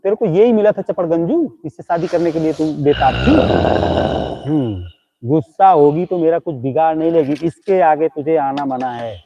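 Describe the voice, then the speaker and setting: A man's voice: fairly high pitch, expressive, normal speed, warm tone, slight background noise. A man hosting a comic live stream, mockingly scolding and insulting imaginary ghosts with teasing jabs. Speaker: live-stream comedy host. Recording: tinny phone-like audio.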